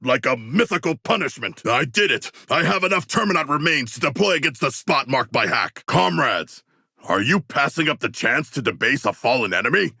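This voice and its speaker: An actor playing a huge, noble, battle-hungry shark warrior in a video game, speaking in formal, literal-minded, grandiloquent language with a rough gravelly voice. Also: male voice, medium pitch, expressive, normal speed, pushed and bright, dry recording, studio quality, full character voice. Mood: rousing, grand. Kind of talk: video game character voice lines.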